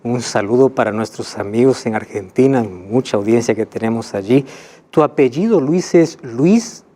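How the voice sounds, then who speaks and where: A man's voice: medium pitch, lively intonation, normal speed, dark tone. A man from Peru, a pastor hosting a Bible program and introducing guests in a friendly way. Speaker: pastor and host.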